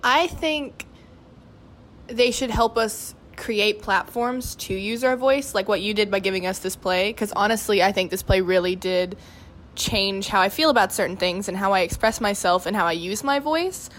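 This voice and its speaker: A late-teen student cast member, appearing as a podcast guest, talks casually and candidly at normal speed in a medium, slightly bright voice. She's earnest and says "like" a lot.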